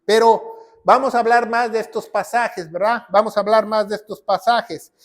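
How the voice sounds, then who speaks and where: A man's voice: high-pitched, steady tone, moderate pace. A man preaching. He presses his points by repeating short phrases and reciting scripture, teaching his listeners. His voice sometimes drifts off the mic. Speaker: pastor. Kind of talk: sermon teaching.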